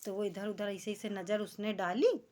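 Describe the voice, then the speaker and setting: A middle-aged woman spins a homely family story for her vlog, chatty and expressive, her voice sitting at an ordinary middle pitch for a woman. She talks the way she would to neighbours over tea. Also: moderate pace. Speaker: vlogger. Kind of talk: casual storytelling.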